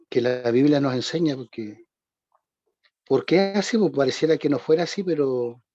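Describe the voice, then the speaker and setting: A man's voice: mid-range voice, no echo. A man with a Chilean Spanish accent, a church member introducing himself on a video call in a rambling, hesitant way. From southern Chile. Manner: rambling, hesitant, with many restarts and soft laughs. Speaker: church member greeting the class. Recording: dull, dry video call audio.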